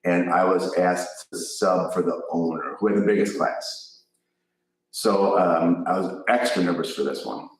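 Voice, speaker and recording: Deep-voiced man telling a story in an echoey room. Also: measured pace, far from the mic. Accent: Chicago. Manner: rambling, self-correcting anecdote with laughs. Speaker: yoga teacher and co-host. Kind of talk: casual storytelling chat.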